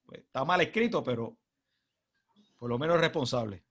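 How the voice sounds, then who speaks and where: A man's voice: medium pitch, animated, moderate pace, creaky, a bit bright. A man from Puerto Rico with a Puerto Rican accent, giving a humorous, chatty presentation as a guest speaker and asking the audience rhetorical questions. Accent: Puerto Rican Spanish. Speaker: guest speaker at a club meeting. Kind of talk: informal presentation.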